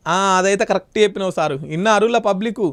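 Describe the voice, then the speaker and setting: A man's voice: sits high, quick pace. A man with a Telangana Telugu accent hosting a satirical news segment, mocking and needling in his commentary. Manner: sarcastic, needling.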